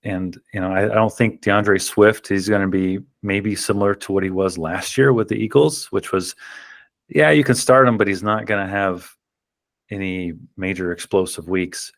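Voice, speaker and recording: A man's voice: low-pitched, steady tone, normal speed, creaky, no room sound, studio quality. A man hosting a fantasy football podcast, talking casually and rambling with lots of ums and restarts. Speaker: podcast host. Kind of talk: casual chat.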